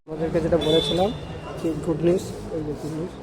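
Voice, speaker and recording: Brief: male vlogger from West Bengal, rapid chatty delivery, outdoor phone recording with heavy road noise. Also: on the high side, little pitch movement. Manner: chatty, rapid, repeats sign-offs. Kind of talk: casual daily vlog addressing viewers. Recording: loud traffic and outdoor noise.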